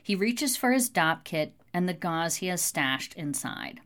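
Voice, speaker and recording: A woman reading an audiobook in steady scripted narration. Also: lowish voice, measured pace.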